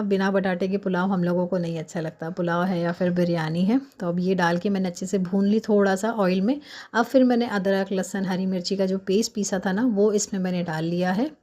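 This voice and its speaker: A woman doing a hurried, chatty cooking voice-over while fasting, explaining each step at home. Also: mid-range voice, a little mellow. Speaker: home cook vlogger.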